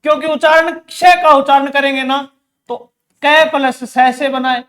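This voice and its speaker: A man's voice: very high-pitched, fairly even intonation, normal speed, a bit bright. A man teaching an exam-prep grammar lesson, asking questions and answering them himself, repeating key words. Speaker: Hindi teacher.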